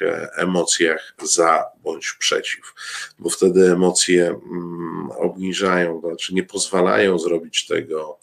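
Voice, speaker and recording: Man, commentator: very low, gravelly voice, slow and halting delivery full of fillers, ironic asides to viewers. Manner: halting, many filler sounds and restarts; ironic, addresses the audience directly. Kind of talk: political commentary show.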